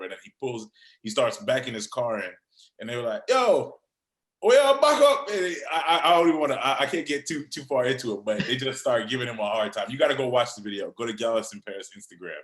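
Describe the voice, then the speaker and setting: A man co-hosting a casual podcast, telling stories in a relaxed way with many hesitations. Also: on the low side, fast talker, reverberant. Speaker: podcast co-host. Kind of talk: casual chat.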